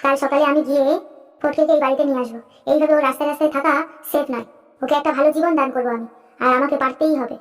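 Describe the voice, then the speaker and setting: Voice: sits high, steady tone, racing, faint music behind, natural voice. A performer voicing a devoted young rich daughter in a cartoon, earnest and pleading. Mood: determined. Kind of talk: cartoon voice acting.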